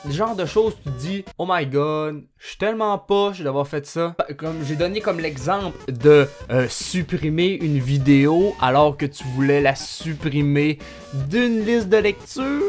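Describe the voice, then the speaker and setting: A young man with a Québécois accent hosting a casual vlog, animated, laughing often and swearing casually. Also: on the high side. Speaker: YouTuber host.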